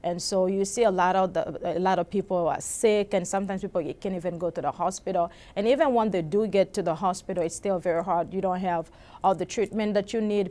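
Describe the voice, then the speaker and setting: A woman's voice: lowish voice, dark tone. A young woman from the Congo, a PhD student, telling her story at a conference booth in an earnest way with many fillers and restarts. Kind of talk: recorded personal story.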